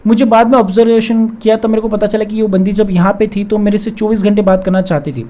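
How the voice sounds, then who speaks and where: Young guy spilling his own heartbreak story, high voice, talks super fast. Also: steady tone, dark tone. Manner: emotional, confessional, repeats himself. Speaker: relationship coach. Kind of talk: personal storytelling to camera.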